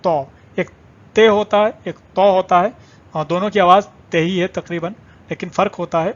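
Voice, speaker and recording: A man with a fairly high voice gives a patient alphabet lesson and says each letter sound several times so learners can copy it. The recording sounds dull and lo-fi. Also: fairly even intonation. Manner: slow, patient, repeats sounds aloud for drilling. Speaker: language teacher.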